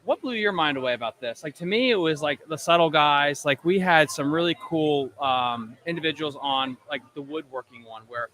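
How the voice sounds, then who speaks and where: Bright-voiced tired man hosting at an event. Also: a little high, normal speed, few pauses. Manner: talkative. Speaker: fishing show host. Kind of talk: casual live-stream chat at an event. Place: booth in a large expo hall. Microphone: close desk podcast microphone.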